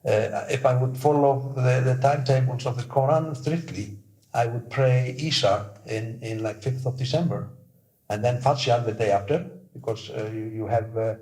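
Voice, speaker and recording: An older man from Iceland, recalling things in an interview with halting restarts. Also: medium pitch, steady tone, darkish tone. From north Iceland. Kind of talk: interview recollection. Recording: echoey room, faint music.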